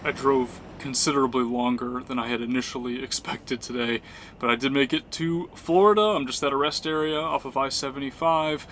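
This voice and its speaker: American guy doing a laid back travel vlog, just chatting along, medium pitch, no rush. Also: steady tone, brisk, a bit bright, slight background noise. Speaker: travel vlogger. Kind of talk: casual vlog narration.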